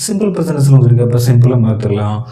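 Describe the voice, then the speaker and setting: A man with a Tamil accent teaching an English grammar lesson to school students. He talks slowly, asking questions and answering them himself. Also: medium pitch, sing-song, warm tone, roomy sound, low-quality recording.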